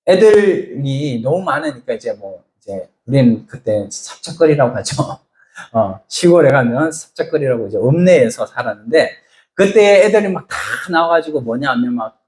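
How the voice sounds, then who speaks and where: A man's voice: fairly high pitch, darkish tone, reverberant. A middle-aged man preaching a sermon as a pastor, telling stories, acting out voices and asking the congregation questions. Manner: storytelling, acts out voices, asks the congregation questions.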